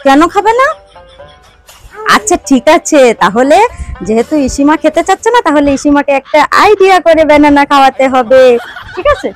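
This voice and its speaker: A woman's voice: high voice, expressive, normal speed, soft background music. A woman vlogger coaxing and cooing in affectionate baby talk as she feeds and plays. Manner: sing-song, affectionate coaxing.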